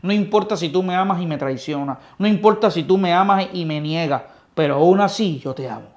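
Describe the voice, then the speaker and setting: A man voicing a gentle, patient Christ who tenderly pleads with a disciple. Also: high voice, brisk, close to an everyday voice.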